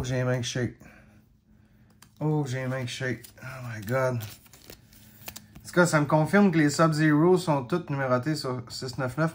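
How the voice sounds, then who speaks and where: A man with a Québécois accent opening card packs in a casual vlog, excitable and full of exclamations. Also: on the high side. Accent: Québécois French.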